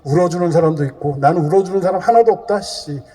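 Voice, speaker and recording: A man acting out a condemned thief, sour and self-pitying, muttering curses under his breath. The voice is mellow and set a little high, with a long reverb trailing off in a big church. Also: quick pace, close to an everyday voice. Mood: bitter grumbling.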